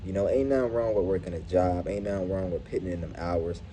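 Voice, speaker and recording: Low, mellow man talking through a face mask. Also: fast, a little hiss or hum. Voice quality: slightly muffled, speaking through a face mask. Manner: earnest, slangy, profane street talk, addressing viewers as bro and dog. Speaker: YouTube vlogger. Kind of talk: casual motivational monologue to camera. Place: at his workplace.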